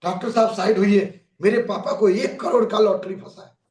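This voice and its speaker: A man's voice: sits high, fairly even intonation, moderate pace, darkish tone, voice pushed up, lightly acted. A man doing a frantic, thrilled young son. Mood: indignant. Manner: breathless, disbelieving. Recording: echoey room, mic far off.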